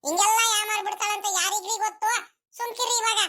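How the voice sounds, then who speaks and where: A woman's voice: extremely high pitch, steady tone, brisk, pushed and bright. A woman voicing a fretful middle-aged village mother in a comedy cartoon, complaining about her daughter.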